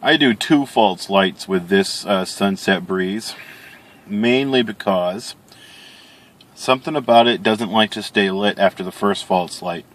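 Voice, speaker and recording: Casting: male vlogger, fairly low voice, relaxed rambling review delivery with pauses. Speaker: pipe-smoking video reviewer. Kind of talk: casual chat product review.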